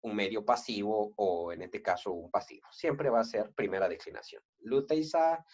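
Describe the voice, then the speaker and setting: A man with a Central American Spanish accent teaching Greek grammar in an online lesson, patient and halting, with many fillers and self-corrections. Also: lowish voice, a little mellow. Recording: dull lo-fi recording.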